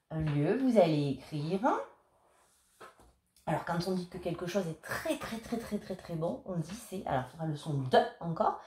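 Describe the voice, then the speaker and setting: A woman teaching young children remotely, dictating words slowly and patiently. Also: medium pitch, darkish tone. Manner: slow, clear, patient dictation. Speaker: primary school teacher. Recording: echoey room.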